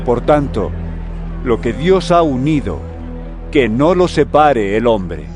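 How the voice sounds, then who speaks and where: An actor playing Jesus in an audio drama, a solemn, authoritative yet gentle male teacher speaking in measured phrases. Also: mid-range voice, big pitch swings, over music. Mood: firm teaching.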